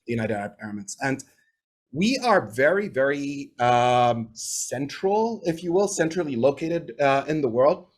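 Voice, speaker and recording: His mid-range voice has a sing-song lilt and a moderate pace. The speaker, a native English-speaking Bahraini man in his forties, is a guest telling stories in a casual video-call interview, chatty and winding, marking points with "right?".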